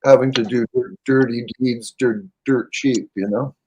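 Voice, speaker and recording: Middle-aged man, mid-pitched, rambling and apologetic, livestream host on a webcam. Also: fairly even intonation, unhurried, darkish tone, husky, muffled recording. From Canada. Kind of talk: casual chat.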